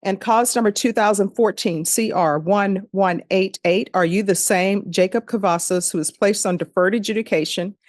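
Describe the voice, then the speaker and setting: A woman judge in a courtroom recording, formally reading case numbers and charges in a measured, procedural way. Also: mid-range voice, no room sound, studio quality. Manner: measured, procedural, repeats formulaic questions.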